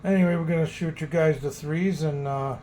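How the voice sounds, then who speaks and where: A man hosting a radio hobby video channel chats casually and folksily with his viewers, calling them guys as he demonstrates things vlog-style. His voice is a little high and dark-toned, with fairly even intonation and a slightly fast pace. Faint background noise is audible.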